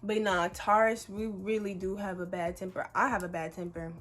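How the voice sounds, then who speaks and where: A woman of about twenty telling a story to camera in a casual, animated, chatty way, full of fillers and swearing. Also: medium pitch, moderate pace, slight background noise. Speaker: vlogger.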